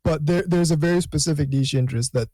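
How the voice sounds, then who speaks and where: A man speaking as a podcast guest in casual chat, earnest and halting, restarting his phrases. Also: on the high side, dark tone, dry recording.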